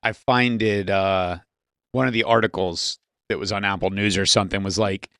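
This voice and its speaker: A man co-hosting a casual podcast chat, talking loudly and excitably. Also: on the low side, moderate pace, clear, resonant tone, no echo, studio quality. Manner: loud, excitable, lively delivery. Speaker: podcast co-host. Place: small room, podcast recording.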